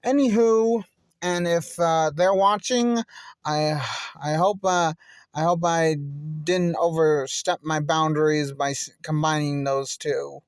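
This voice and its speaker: A video creator chats to the audience in a halting way, pausing often and filling gaps. The pace is slow and the sound is dry and close. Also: mid-range voice, fairly even intonation, clear, resonant tone, dry recording. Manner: halting, full of pauses and fillers. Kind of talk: casual chat to viewers.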